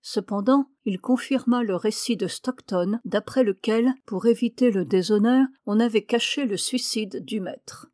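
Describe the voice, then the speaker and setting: A woman narrating a detective story in clear, even storytelling. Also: medium pitch, measured pace, hardly any pauses, no echo, clean studio sound. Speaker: audiobook reader.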